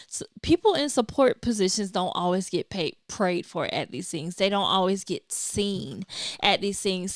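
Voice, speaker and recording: A woman podcaster telling a personal faith story, acting out her own reactions in lively, animated storytelling. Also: mid-range voice, dry recording, clean studio sound. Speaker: podcaster and videographer. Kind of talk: personal testimony vlog.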